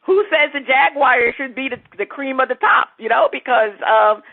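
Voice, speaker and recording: A woman hosting casual sports talk, chatty and quick to laugh, thinking aloud as she goes. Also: sits high. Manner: chatty, laughs easily, searches for names aloud. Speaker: sports talk show host. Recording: phone-like narrow sound.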